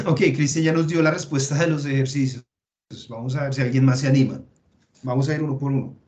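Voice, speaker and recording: A man's voice: medium pitch, steady tone, fast talker, a little mellow. A man with a Colombian Spanish accent, teaching an English grammar class online and explaining each step patiently while thinking aloud.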